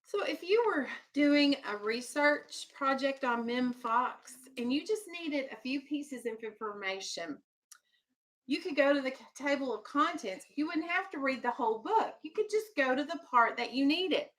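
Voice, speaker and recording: Poor audio captures a woman elementary school teacher whose voice sits high and sounds a bit bright and animated, at normal speed. She reads to young children, offering simple explanations, asking questions to check they understand and firmly keeping them focused.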